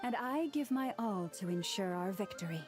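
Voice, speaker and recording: A woman voicing a gentle, formal young maiden with a soft, measured delivery in an anime video game. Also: mid-range voice, expressive, music in the background, natural voice. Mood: earnest, gentle.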